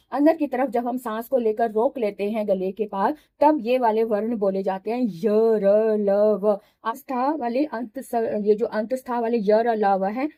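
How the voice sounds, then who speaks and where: A woman teaching a beginners' Sanskrit lesson, patiently explaining and repeating each sound in slow drills. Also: a little high, a little mellow. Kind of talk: classroom lesson explaining grammar.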